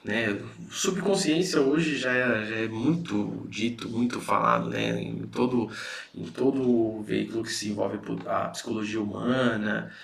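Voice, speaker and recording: A man's voice: fairly low pitch, fairly even intonation, unhurried, gravelly. A man with a Brazilian Portuguese accent giving a casual spiritual lesson, explaining in a conversational way and often checking in with his listeners. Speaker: spiritual teacher.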